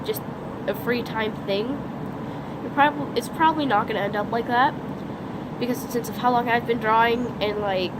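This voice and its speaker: Filming on her phone beside a lake while lightning storms overhead, a teenage vlogger chats off the cuff in a fairly high voice, full of "like," her nose blocked and throat sore as she sniffles. Outdoor noise and rolls of thunder come through the recording.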